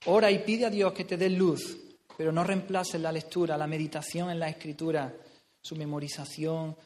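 Spanish guy preaching in a church, pretty high voice, long echo trailing off the hall. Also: flat delivery, moderate pace, a little mellow. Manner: emphatic, repeats phrases, asks rhetorical questions. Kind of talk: sermon. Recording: reverberant hall sound.

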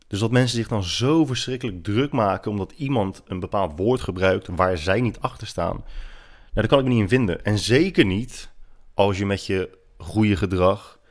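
Deep-voiced man hosting a solo podcast. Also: normal speed. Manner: opinionated, argumentative, many hesitant fillers. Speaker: podcast host. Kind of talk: solo opinion podcast monologue.

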